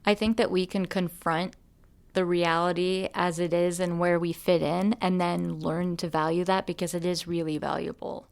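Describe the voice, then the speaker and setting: A woman's voice: on the low side, little pitch movement, normal speed, vocal fry, smooth. A woman hosting a podcast, an artist talking earnestly and musingly, with restarts and light laughs. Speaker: podcast host and musician. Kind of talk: reflective conversation.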